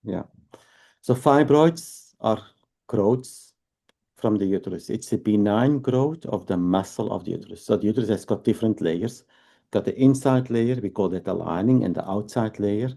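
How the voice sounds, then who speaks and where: In explanatory interview talk, a fifty-something fertility doctor from Belgium walks through each point patiently, often ending with tag questions, in his Belgian accent. He speaks at normal speed in a lowish, creaky, mellow voice.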